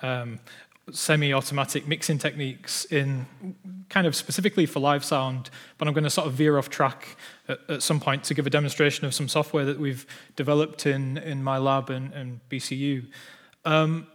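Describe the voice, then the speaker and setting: A man's voice: medium pitch, fairly even intonation, normal speed. A young man with a Northern English accent gives a conference talk as an audio researcher, with many fillers and restarts. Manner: hesitant, many ums and "sort of" fillers. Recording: long hall reverb.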